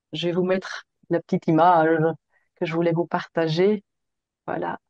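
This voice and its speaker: A woman practitioner gently explaining a relaxation practice, hesitating often as she goes. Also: on the low side, dry recording, highs cut off. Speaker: Jin Shin Jyutsu practitioner.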